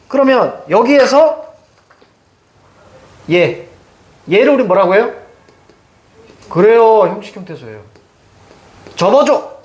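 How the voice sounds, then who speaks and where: A man's voice: high-pitched, echoey room. A middle-aged man from Seoul teaching grammar in a classroom, chatty and teasing with his students. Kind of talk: classroom lecture.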